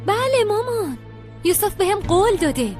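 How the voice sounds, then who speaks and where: A high-voiced, pleading young woman. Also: very animated, darkish tone, soft background music. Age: young adult. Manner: pleading and earnest. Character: young woman in love, defying her mother. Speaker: daughter. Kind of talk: dubbed TV drama.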